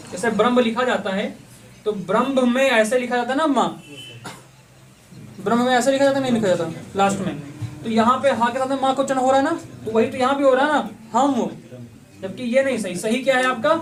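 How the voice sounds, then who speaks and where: A man's voice: very high voice, brisk, a little hiss or hum. A man teaching an online exam-prep class. He asks questions and answers them himself, repeating the key points. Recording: voice somewhat distant from the mic.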